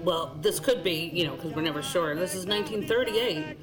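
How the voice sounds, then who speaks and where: A woman guest on a radio show, lively and explanatory as she talks through music, chuckling now and then. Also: lowish voice, a little fast. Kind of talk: radio chat. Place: radio studio.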